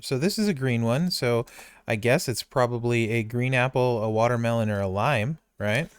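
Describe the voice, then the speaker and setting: A man's voice: mid-range voice, normal speed, clean tone. A man hosting a casual podcast chat, talking in an easygoing, enthusiastic way. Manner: chatty, gushes over candy while chewing. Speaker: podcast host.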